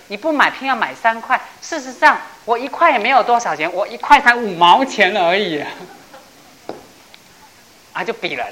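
A woman giving a Buddhist dharma talk, telling a parable with laughs and slowing down to stress key phrases. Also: medium pitch, rough recording. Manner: animated storytelling with laughs, acting out characters. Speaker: Buddhist teacher.

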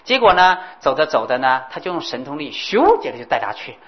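A woman telling a Buddhist story in an animated way, with exclamations and sound effects. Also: low-pitched, fairly quick, muffled recording.

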